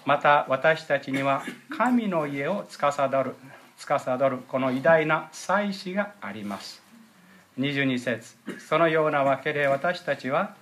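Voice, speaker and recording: A man giving a sermon as pastor, explaining Bible verses and their original words, often clearing his throat. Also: a little high, a bit bright, a little hiss or hum. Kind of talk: sermon with scripture reading.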